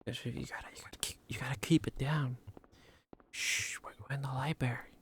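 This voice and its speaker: A fussy librarian, played by a man streaming a game, shushes in a hushed, breath-only whisper. The delivery is scolding and secretive, keeping everything down low. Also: fairly even intonation, moderate pace, vocal fry, husky, full character voice. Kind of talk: playful acting during game commentary.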